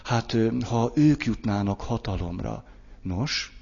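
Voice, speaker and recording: A man's voice: on the low side, expressive, vocal fry, a little mellow. A man voicing a nervous, conniving Roman man in a read-aloud story, speaking hesitantly and wheedling. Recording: dull lo-fi echoey hall.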